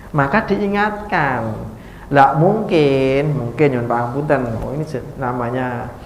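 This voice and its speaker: A man preaching with a Javanese accent in an informal study talk, lively and joking, swinging between loud emphasis and soft asides. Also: mid-range voice. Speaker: Islamic preacher. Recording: echoey hall with faint noise.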